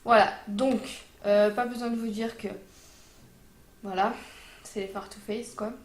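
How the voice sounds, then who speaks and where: A woman's voice: fairly high pitch, steady tone, unhurried, roomy sound, a little hiss or hum. A woman vlogger reviewing makeup in a casual, chatty way, with lots of fillers and informal slang. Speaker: beauty vlogger.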